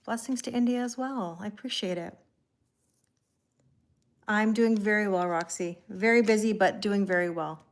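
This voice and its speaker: During her tarot live stream, a Canadian woman who sounds about thirty-something speaks in a mid-range voice at a moderate pace, leaving long pauses. She chats casually with viewers, says hello to them by name and laughs often.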